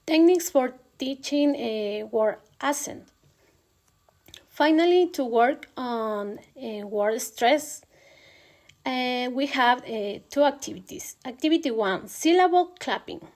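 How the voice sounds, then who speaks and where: A young student presenter takes viewers through a pronunciation lesson in a recorded class presentation. Her voice is a little high, a little mellow, and lively in intonation, and she speaks hesitantly and carefully, often filling pauses with "eh."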